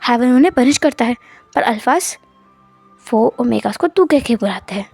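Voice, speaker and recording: A timid young man who stumbles over his words, stammering and trailing off nervously, as a woman reads him out. The voice sits high and light, recorded dry and close with faint music underneath. He is part of a spoken storybook. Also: expressive, normal speed, darkish tone, husky, no echo. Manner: stammering, hesitant. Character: shy stammering young male bride, timid omega.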